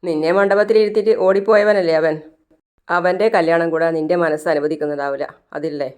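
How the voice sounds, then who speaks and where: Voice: medium pitch, fairly even intonation, quick pace, a little mellow, smooth, close to an everyday voice. The narrator reading the lines of an insistent young husband who keeps pressing his wife with questions, in a plain retelling.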